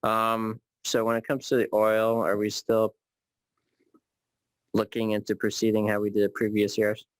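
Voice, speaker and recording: A man's voice: lowish voice, completely flat delivery, normal speed, no echo. A man on a school board asking questions, hesitant with frequent ums. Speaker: board member. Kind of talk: meeting discussion.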